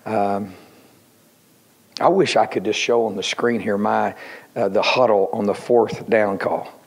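A middle-aged man, a head football coach, talking at a post-game press conference into a table microphone, rambling and halting with many fillers and restarts. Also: on the low side, gravelly, slightly rough. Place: indoor press room.

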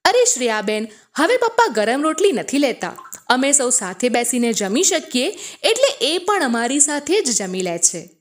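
A woman voicing a warm, welcoming young sister-in-law who speaks in a friendly, reassuring way. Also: high-pitched, big pitch swings, normal speed.

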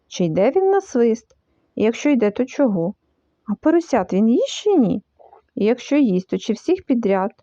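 A woman reading a children's story aloud in an expressive, animated way. The recording is dull and lo-fi. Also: high-pitched, dry recording. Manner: lively, animated, full of voices.

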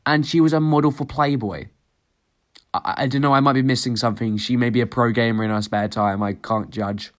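A teenage boy narrates a reaction video in a sarcastic, mocking way, cursing casually. His voice sits at an ordinary middle pitch. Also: steady tone, fairly quick. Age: teens. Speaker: YouTube commentator. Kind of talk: reaction commentary.

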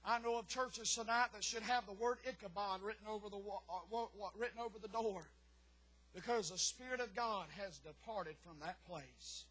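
A man preaching a fervent sermon in church, rising to shouts and dropping low, with many "uh" fillers. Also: normal speed, rough recording. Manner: fervent, rises to shouts then drops low, frequent "uh" fillers. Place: church sanctuary.

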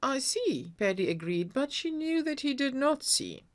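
A woman reading a short story aloud in a measured, expressive way. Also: sits high. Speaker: story reader.

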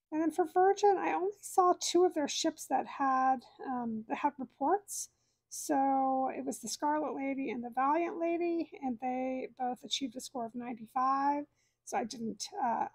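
A woman's voice: high voice, vocal fry, no echo, rough recording. A woman in her thirties hosting a cruise channel, reading scores aloud in a friendly, explanatory way from a room at home. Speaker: cruise vlog host. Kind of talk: casual walkthrough of data.

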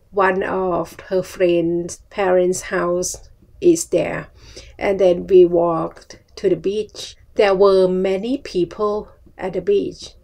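A middle-aged woman from Thailand with a Thai accent tells a personal story to camera in halting, simple English phrases. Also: fairly low pitch, vocal fry, dark tone. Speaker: vlogger. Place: small furnished room at home, indoors.

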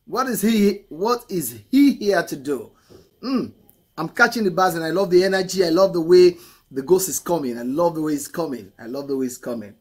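A middle-aged man with a husky voice, reacting to a song in casual commentary and repeating phrases for emphasis. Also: a little high, lively intonation, normal speed, a little mellow. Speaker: music reaction host. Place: indoor room, photo-covered wall. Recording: music playing faintly behind. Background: hip hop song.

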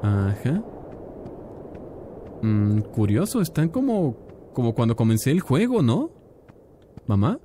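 A man casually commentating a game, chatty and excitable, talking to his viewers. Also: medium pitch, measured pace, long pauses, background noise. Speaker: gaming youtuber. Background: game music.

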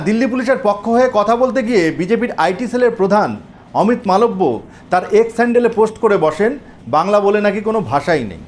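A man with a notably high voice reads a political news report aloud. His delivery is steady, earnest and scripted, and he speaks to viewers as friends.

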